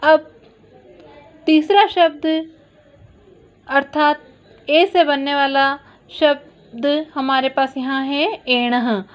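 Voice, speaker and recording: Woman teacher, high voice, slow and patient, explaining to kids. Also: fairly even intonation. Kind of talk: recorded classroom lesson.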